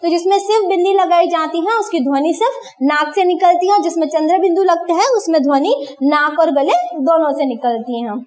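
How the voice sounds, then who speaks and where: A woman's voice: very high-pitched, fairly quick, few pauses, darkish tone. A woman teacher giving a classroom grammar lesson, asking questions and answering them herself. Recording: echoey room.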